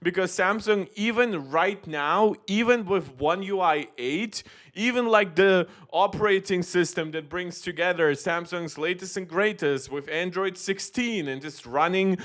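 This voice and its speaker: A young man from Moldova, Russian his first language, chats through tech news on a live stream. His voice sits a little high, and he corrects himself often and fills pauses with "like" and "uh" as he goes. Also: fairly bright tone. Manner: rambling, self-correcting, frequent "like" and "uh". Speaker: tech YouTuber.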